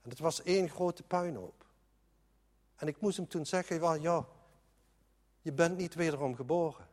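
A man's voice: a little high, normal speed, a little mellow, big-room sound. A man preaching a sermon in an earnest, emphatic way, often restarting his sentences.

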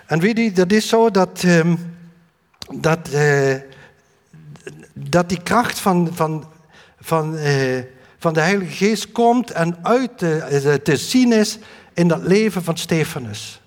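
A man with a high voice preaches earnestly, often stumbling and restarting mid-sentence. His words ring out with a long reverb, as if in a church hall. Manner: earnest, halting with many fillers and restarts. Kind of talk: sermon.

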